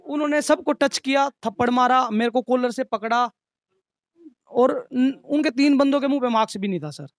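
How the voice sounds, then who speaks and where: A man's voice: very high voice, normal speed, no room sound, clean studio sound. A young man, a restaurant manager, earnestly recounting in detail how he and his staff were beaten. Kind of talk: interview testimony.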